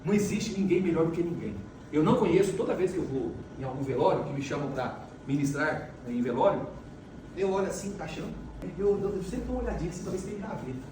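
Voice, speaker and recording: A middle-aged motivational speaker with a highish voice talks fast with lively intonation, telling stories emphatically and repeating phrases for force. He's in a large event hall, and the distant mic picks up heavy echo and faint noise.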